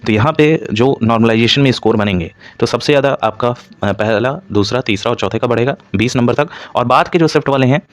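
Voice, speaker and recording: A coaching instructor gives an informal analytical lecture in Hindi mixed with frequent English terms, repeating points as he explains. His medium-pitched voice moves a little fast with few pauses.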